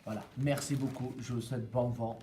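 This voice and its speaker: A man from Afghanistan, giving a casual how-to demonstration of a kite kit in plain, halting sentences with small grammar slips. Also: mid-range voice, steady tone.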